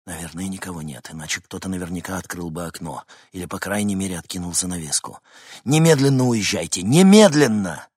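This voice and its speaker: A man narrating a novel as an audiobook in a measured, tense storytelling manner. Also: low voice, fairly even intonation, slightly rough, dry recording, clean studio sound. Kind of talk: scripted narration.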